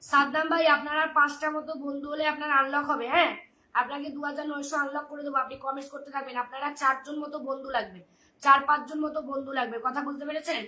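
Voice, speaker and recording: A woman hosting a live stream, rapidly urging viewers over and over and reading out their names. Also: sits high, fairly even intonation, bright, forceful tone. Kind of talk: live stream audience chat. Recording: echoey room with faint noise.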